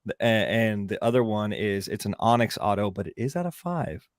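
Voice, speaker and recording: A man with a lowish voice talks through his reasoning on a podcast panel. He is casual, colloquial and rambling, and the sound is dry and close. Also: lively intonation, moderate pace, no echo. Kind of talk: casual explanation.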